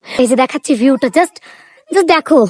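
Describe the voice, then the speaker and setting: A woman vlogging casually outdoors on a hillside, chatting excitedly to her viewers through a phone camera. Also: sits high, normal speed, no echo. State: out of breath on a climb. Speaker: travel vlogger. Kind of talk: casual travel vlog.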